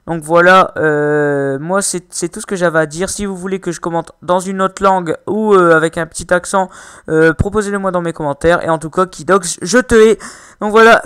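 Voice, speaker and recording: A young man talking casually and hesitantly to his viewers, apologetic and full of pauses and fillers. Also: high-pitched, a bit bright, clear, resonant tone, dry recording. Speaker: gaming video creator. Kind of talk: casual video outro.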